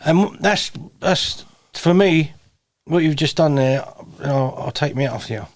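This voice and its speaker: A man with a southeast English accent hosts the interview, speaking with earnest emphasis and casual slang. His voice sits a little higher than most men's. He presses each point home. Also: measured pace. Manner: earnest, emphatic, calls him bruv. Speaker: host. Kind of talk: supportive interview chat.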